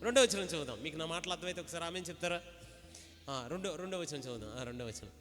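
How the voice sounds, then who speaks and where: Man, pastor, high voice, exhorting sermon, call-and-response, echoey hall, faint music. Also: animated, rapid-fire. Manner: exhorting, urging the congregation to shout and repeat.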